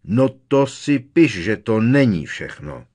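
A man voicing a blustering, bullying middle-aged uncle who barks and gloats loudly in an audiobook. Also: low voice, expressive. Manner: loud, barking and gloating. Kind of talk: audiobook character reading.

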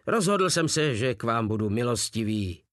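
A man's voice: medium pitch, big pitch swings, a bit bright, no echo, studio quality. A man voicing a small, pompous old field marshal who spits out his words with contempt, in an audiobook reading. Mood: scornful.

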